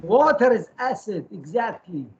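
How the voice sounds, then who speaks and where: Slow-speaking male lecturer quizzing his class. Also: sits high, very animated, muffled recording, a little hiss or hum. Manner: quizzes students with short questions and repeats key terms. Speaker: chemistry lecturer.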